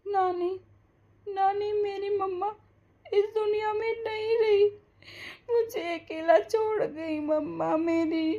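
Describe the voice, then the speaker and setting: A tearful young girl cries and pleads for her lost mother in a cartoon story, as a woman voices her. The voice sits very high and slow, wailing through the sobs. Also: fairly even intonation, mellow, highs cut off, exaggerated voice. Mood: sobbing grief. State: crying. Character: young grieving orphaned daughter, tearful. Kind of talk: Hindi cartoon voice acting.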